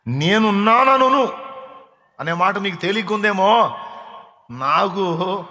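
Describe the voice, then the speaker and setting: A man preaching a sermon as pastor, passionate, moving between loud declarations and hushed, tender speech. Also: on the high side, animated. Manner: chants a hymn slowly. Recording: long hall reverb.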